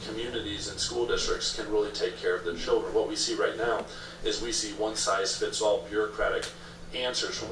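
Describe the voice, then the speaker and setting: A man with a fairly low voice speaks quickly, like a candidate in a political interview, pressing his points emphatically with repeated phrasing. The mic is distant in an echoey, roomy space, and the background is noisy.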